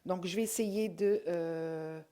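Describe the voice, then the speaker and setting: A middle-aged woman chatting casually at home as she shows off a shopping haul, hesitating often with drawn-out fillers. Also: on the low side, mellow. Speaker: vlogger showing her shopping haul.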